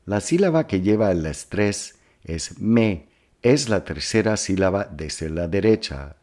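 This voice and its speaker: A male Spanish teacher in a scripted lesson, explaining slowly and carefully and breaking words into syllables, fond of his students. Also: low voice, mellow. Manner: affectionate toward students.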